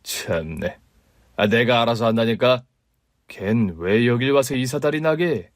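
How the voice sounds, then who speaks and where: A man voicing a callous, brusque middle-aged father in a radio story reading, grumbling low and dismissive. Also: animated, measured pace, no room sound, clean studio sound, natural voice.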